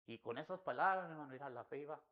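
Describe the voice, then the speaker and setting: A man's voice: a little high, racing. Earnest male preacher, dull lo-fi sound. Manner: earnest, addresses listeners as "mi hermano". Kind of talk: sermon.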